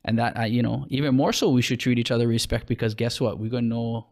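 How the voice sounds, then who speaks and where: Hawaiian man in his thirties, creaky-voiced, halting podcast talk. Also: medium pitch, fairly even intonation, darkish tone. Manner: halting, many restarts and fillers. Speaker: podcast co-host, clothing brand owner. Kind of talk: casual podcast chat.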